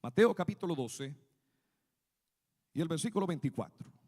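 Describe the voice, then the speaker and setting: A man from Guatemala preaches from the pulpit in an animated, direct way, calling his listeners brother. His voice sits high for a man, and long reverb trails after it in the church hall. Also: normal speed. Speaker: pastor. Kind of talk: sermon. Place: church sanctuary.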